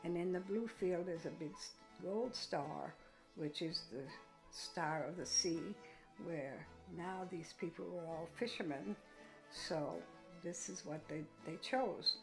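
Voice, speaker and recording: Slow-speaking woman. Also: lowish voice, soft background music, poor audio. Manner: halting, reflective. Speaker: interviewee recounting community history. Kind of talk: informal spoken history interview.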